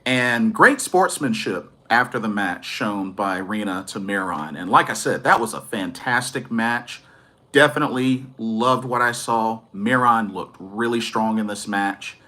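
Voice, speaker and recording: A man's voice: fairly low pitch, lively intonation, a little slow, pushed and bright. A man giving a casual, enthusiastic wrestling review, rambling a little and correcting himself as he goes.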